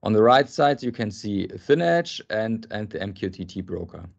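A man in his thirties giving a technical presentation on a video call from an indoor office, halting often with ums and restarts. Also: fairly low pitch, very animated, gravelly. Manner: hesitant, many ums and restarts. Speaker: software architect presenting. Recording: dull lo-fi video call audio.

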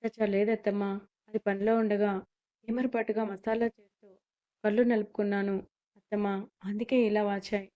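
A woman voicing a quiet, dutiful young daughter-in-law who speaks politely and reassuringly, on a slightly muffled recording. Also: medium pitch, little pitch movement, normal speed, natural voice. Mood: subdued.

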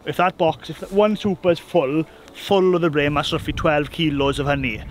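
Soft background music plays as a relaxed man in his thirties from Wales chats about his beekeeping. His voice is on the high side at a normal speed, and he repeats words as he talks. The casual interview moves between a farm kitchen and a woodland hive site.

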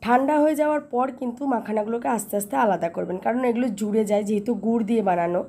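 A woman's voice: fairly high pitch, very fast, dark tone. A young mother, who has a cold and sore throat, patiently walks viewers through a home recipe in her kitchen. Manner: patient instructive tone, repeating steps with emphatic fillers. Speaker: mother and home cooking vlogger.

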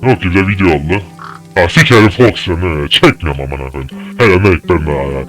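A young man giving angry gameplay commentary, swearing and shouting at the game in a fury. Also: sits low, brisk, faint music behind. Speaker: gaming YouTuber.

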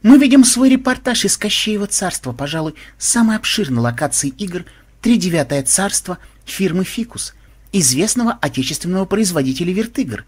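A man's voice: high-pitched, big pitch swings, moderate pace, husky, voice pushed up, exaggerated voice. A man voicing a sugary young woman reporting on a game for an audiobook. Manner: syrupy, presenter-like delivery.

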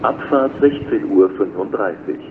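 A man working as a railway station announcer, reading flat, scripted platform announcements in a measured, formal way. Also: fairly low pitch. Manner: measured, formal, flat delivery in set phrases. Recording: dull lo-fi recording with loud station noise.

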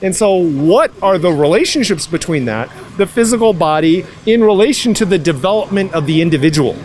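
A young man's voice sits high, with lively intonation, a brisk pace and a darkish tone. He's a passerby in a nighttime outdoor street interview, thinking aloud philosophically and asking rhetorical questions into a handheld mic held by the interviewer.

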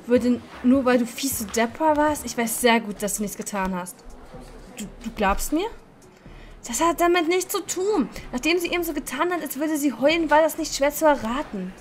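A woman's voice: high voice, lively intonation, normal speed, faint music behind. A woman hosting a let's-play, reading a dating game aloud and voicing every character, playful and laughing at her own slips.

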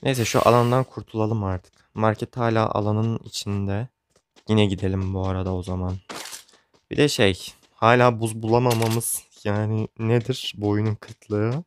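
Young man, low voice, casual gameplay commentary, joking, easily exasperated, faint background hiss. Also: fairly even intonation, normal speed. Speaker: gaming YouTuber.

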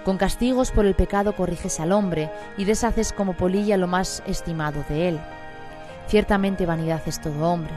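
A woman reading a psalm aloud in a solemn, measured recitation, with music clearly behind her voice. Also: fairly low pitch. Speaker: scripture reader.

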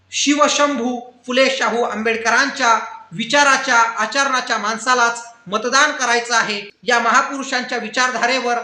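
Rousing man with bright, echoey voice. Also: very high-pitched. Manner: rousing, oratorical, addresses viewers as friends and brothers. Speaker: political commentator. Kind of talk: impassioned campaign appeal.

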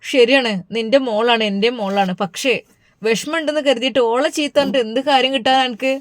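A woman's voice: a little high, a little fast, no room sound, lightly acted. Woman voicing a soothing father, dry close storybook read. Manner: soothing, reasoning. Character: calm devout middle-aged father, gentle.

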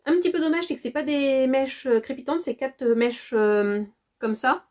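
A woman's voice: high-pitched, normal speed, a little mellow. A woman from France chatting casually to camera about her haul, often hesitating with fillers and repeating words. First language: French. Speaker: vlogger presenting a shopping haul.

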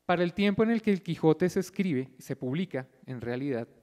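A man with a fairly high voice gives a didactic talk, stopping now and then to ask if his listeners follow. He thinks aloud with small fillers and restarts as he explains. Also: expressive, fairly quick, a little mellow. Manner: didactic, checks in often with a questioning "yes?". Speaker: lecturer at a pre-concert talk. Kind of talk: explanatory lecture.

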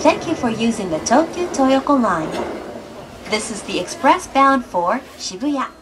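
Woman, high formal voice, unhurried scripted railway announcements, recorded from a distance inside a train. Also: expressive. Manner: formal, deliberate. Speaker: English-language train announcer. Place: inside a moving train, over onboard speakers. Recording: distant, clear train noise. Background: train rumble.

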